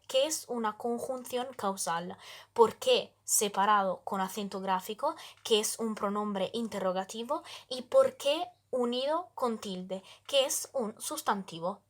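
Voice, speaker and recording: A woman with a somewhat high voice presents a scripted grammar lesson. She reads in a measured, even way and slows down deliberately to spell out each example word. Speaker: student presenter.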